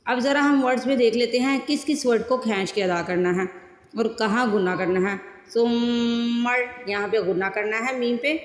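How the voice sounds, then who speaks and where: A woman teaching Quran recitation, chanting verses slowly and drawn out, then explaining each sound step by step. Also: on the high side. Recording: roomy with long reverb.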